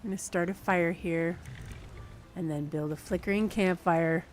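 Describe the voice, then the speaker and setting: A woman's voice: on the low side, steady tone, moderate pace, over music. A woman streamer casually chatting through a game, laughing and thinking aloud to her viewers. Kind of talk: casual gameplay commentary to chat.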